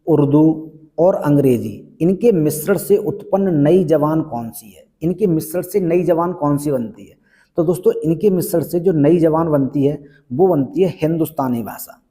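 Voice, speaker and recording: A man's voice: on the high side, warm tone, long reverb tail. A male Hindi exam teacher working through practice questions one by one, repeating each question and answer for emphasis. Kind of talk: exam prep lesson, question by question.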